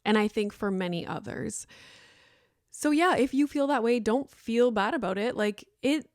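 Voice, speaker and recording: Chatty woman in her thirties, smooth voice. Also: fairly high pitch, moderate pace, no room sound, clean studio sound. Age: 30s. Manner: chatty, rambling, fillers and "like" throughout. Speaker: podcast host. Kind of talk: solo podcast talk.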